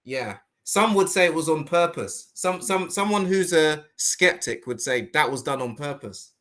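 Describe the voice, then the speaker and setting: A man hosting a casual podcast discussion, talking in animated rhetorical bursts. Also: fairly high pitch, normal speed. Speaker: host.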